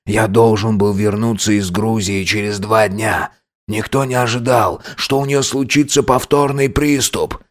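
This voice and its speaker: A man voicing a domineering older father in an audiobook, slow, cold and contemptuous. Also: fairly low pitch, fairly even intonation, natural voice. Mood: scornful. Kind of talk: audiobook character voice.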